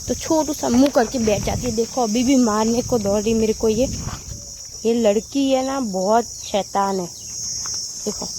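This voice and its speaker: A woman vlogging about her dog, chatting to viewers and repeatedly calling out to scold the dog. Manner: repeats "look, look", scolds her dog in sharp high calls. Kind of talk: casual vlog chat. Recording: outdoor noise with crickets.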